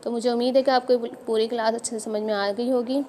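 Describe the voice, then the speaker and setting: A woman teaching an online Quran pronunciation lesson, explaining patiently and modelling letter sounds slowly. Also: fairly high pitch, little pitch movement, a little mellow. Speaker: tajweed teacher.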